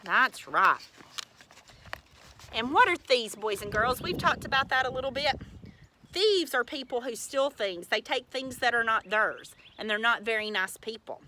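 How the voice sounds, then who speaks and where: A preschool teacher tells a story to young children. Her voice is fairly high and bright, and she stays animated and direct with her class. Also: unhurried, slight background noise. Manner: animated, talks straight to children.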